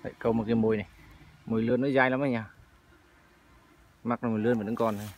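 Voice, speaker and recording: A man's voice: mid-range voice, flat delivery, rapid-fire. A man chatting to his viewers while fishing for frogs outdoors in the fields. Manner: chatty, addresses viewers as family. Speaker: vlogger. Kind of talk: casual outdoor narration. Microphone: handheld phone or body camera. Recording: noisy outdoor field recording.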